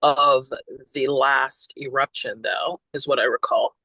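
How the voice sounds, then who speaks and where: A man's voice: medium pitch, steady tone, unhurried, gravelly, pushed and bright, no room sound, low-quality recording. A man asking questions in an online class, laughing at himself. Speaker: student. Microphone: computer mic on a video call.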